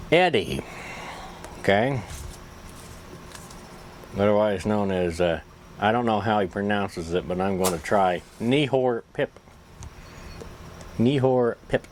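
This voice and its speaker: With a lowish voice and slight background noise, a pipe-smoking YouTube vlogger rambles casually to camera, folksy and self-deprecating, as if speaking around his pipe.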